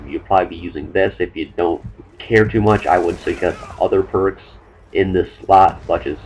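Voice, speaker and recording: A young man commenting over his own gameplay, talking fast and rambling with many fillers and restarts. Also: low voice, darkish tone, a little hiss or hum, poor audio. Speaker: gaming commentator.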